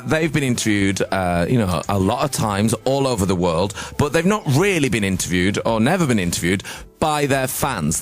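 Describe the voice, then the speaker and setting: A young man hosting a radio breakfast show, chatting casually and joking with his team in the studio. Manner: chatty and joking, with lively pitch swings.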